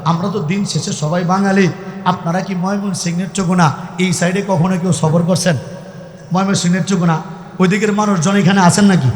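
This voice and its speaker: A man from the Mymensingh region of Bangladesh preaching to a crowd, shouting and firing questions back at his listeners. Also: sits high, steady tone, brisk. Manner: shouting, call-and-response questions to the audience. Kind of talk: Islamic sermon to a crowd. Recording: echoey hall reverb from PA.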